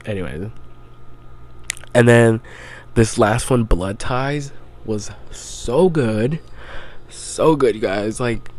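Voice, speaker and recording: A man's voice: mid-range voice, a little hiss or hum. A young man hosting a podcast, casually recapping a story in a loose, rambling way full of "like" and the odd swear word. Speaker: podcast host.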